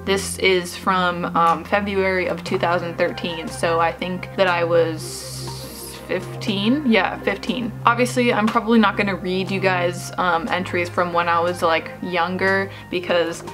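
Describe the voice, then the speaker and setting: A woman's voice: lowish voice, fairly even intonation, a little slow. Casual young woman vlogger over music. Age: young adult. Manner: informal, self-deprecating, loose slangy phrasing. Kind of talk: casual chat to viewers.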